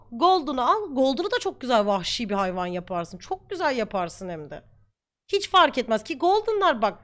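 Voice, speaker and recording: A young woman streamer talking casually to her viewers, heated and ranting at times. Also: on the high side. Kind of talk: casual chat.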